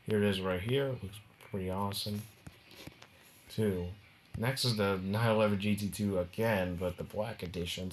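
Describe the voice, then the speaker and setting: A man's voice: on the low side, a little hiss or hum. A man casually running through the cars of a video game, rambling and often breaking into giggles.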